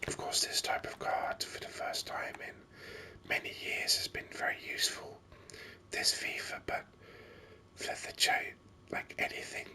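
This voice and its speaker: Close to the microphone, a man whispers breathily the whole time, offering ASMR commentary on a video game as he muses aloud without hurry. His tone is crisp and very bright, and his pace a little slow.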